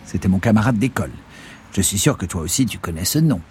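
A man voicing an excitable, loud older country uncle in an audiobook reading, agitated and pressing. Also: lowish voice, fast talker, slightly rough.

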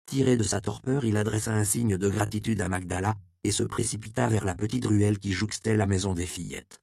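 A man narrating a historical novel in a steady, measured reading. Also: on the low side, vocal fry, no echo, studio quality. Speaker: audiobook narrator. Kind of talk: scripted narration.

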